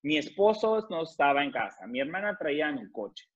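A man with a Mexican Spanish accent telling an animated, emphatic story as an interview guest over a video call, mixing in English phrases. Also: on the high side, normal speed. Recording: muffled video-call audio.

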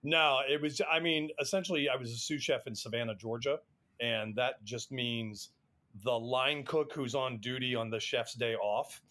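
A man's voice: medium pitch, steady tone, normal speed, bright, forceful tone. A middle-aged man from the United States, a podcast guest telling anecdotes casually in a wry, self-deprecating way. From United States, Atlanta area. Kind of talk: casual anecdotal interview chat.

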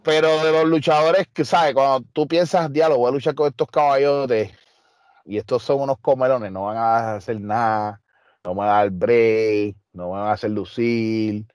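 A clear, resonant, darkish mid-range voice with fairly even intonation comes through at normal speed in a dry, clean studio recording. It belongs to a wrestler and trainer with a Puerto Rican Spanish accent, guesting in a casual interview and telling stories emphatically, streetwise, with many fillers.

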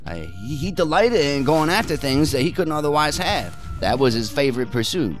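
In an audio drama, a man plays the cynical, irritated son of a wealthy man, scornful and dismissive, chuckling with sarcasm in a naturalistic style. His voice is fairly high with big pitch swings and a slightly fast pace, and faint music plays behind him.

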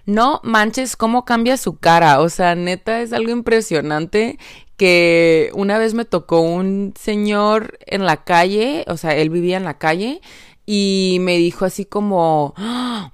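Her medium-pitched voice is smooth and measured as this woman, with a Mexican Spanish accent, hosts a relaxed podcast monologue. Upbeat and talkative, she speaks right to her listeners, peppering her speech with "entonces" and "¿no?". The studio recording is clean, with no echo.

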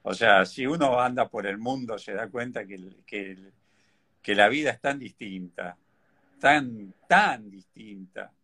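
A man's voice: fairly low pitch, unhurried, fairly bright tone, slightly rough. Blunt Argentine man, opinionated. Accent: Argentine Spanish. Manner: blunt, opinionated, repeats words for emphasis. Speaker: livestream guest. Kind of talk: casual chat.

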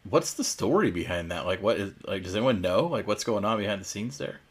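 A man with a slightly deep voice hosts a sports talk show. He speaks in a loose, conversational style. His points come out hedged and informal. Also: animated, a little fast, slightly rough. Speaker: sports podcast host. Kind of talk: casual sports discussion.

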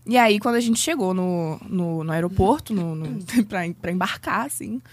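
A young Brazilian woman telling travel stories in a casual chat, animated and acting out the people in them. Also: medium pitch, normal speed, no room sound. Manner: animated storyteller, acts out her father's voice.

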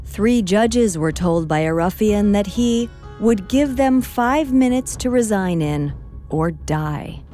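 Mellow woman narrating history. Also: mid-range voice, animated, slow. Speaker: podcast co-host. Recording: faint music bed.

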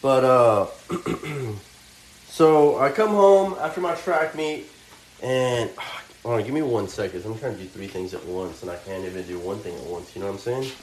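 Young guy rambling in slang while cooking, lively up and down voice, roomy kitchen w faint sizzle. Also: mid-range voice, moderate pace, slight background noise. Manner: rambling, slangy, laid-back. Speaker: vlogger. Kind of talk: casual storytelling.

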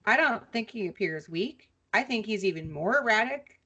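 A woman podcast co-host chatting casually and recapping news, with relaxed, hesitant pauses. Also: mid-range voice, husky, lo-fi sound. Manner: conversational, relaxed with many "um" pauses.

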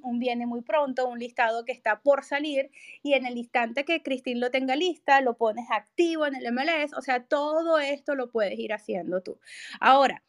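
A woman with a high voice leads a training talk for agents. She instructs emphatically, punctuating her points with short questions to make sure everyone follows. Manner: emphatic, checks understanding with short tag questions. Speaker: real estate trainer and host.

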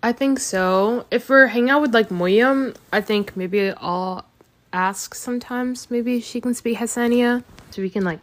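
A woman's voice: fairly high pitch, measured pace. A teenage girl as a podcast guest in casual chat, bantering playfully and defensively. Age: teens.

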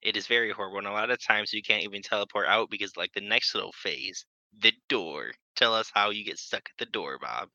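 A man co-hosts a casual gaming podcast, talking in a laid-back, matter-of-fact way. His lowish voice is pushed and bright, a little fast with hardly any pauses. The recording has no room sound and the highs are cut off.

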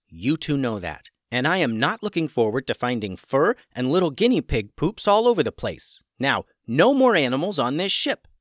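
A man's voice: lowish voice, unhurried, fairly bright tone, dry recording, clean studio sound. A man voicing a bossy young woman who captains a ship in a storybook, with firm, exasperated scolding. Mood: stern.

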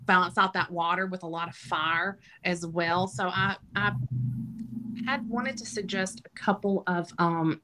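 A woman's voice: on the low side, pushed and bright. A woman giving casual spiritual guidance as a forecast host, talking emphatically and straight to her listeners. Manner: emphatic, addresses listeners directly as y'all.

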